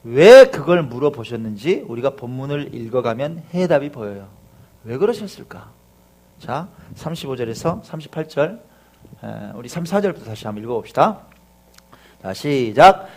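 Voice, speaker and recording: A man's voice: medium pitch, very animated, normal speed, a little mellow. A male pastor preaching a sermon, throwing rhetorical questions at the congregation and acting out the voices of the people he describes.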